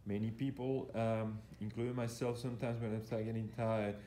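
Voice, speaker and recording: Brisk and flat, this man's lowish, dark voice narrates live exercise demonstrations in an indoor gym. He is a fitness coach who instructs hesitantly and repeats himself, filming on a handheld camera he operates. The recording sounds echoey, with faint background noise.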